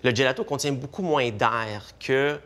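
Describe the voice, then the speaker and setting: A middle-aged man, a gelato consultant explaining his craft in a café, animated and gesturing as he talks. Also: medium pitch, moderate pace, slight background noise. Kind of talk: explanatory talk to camera. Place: café interior.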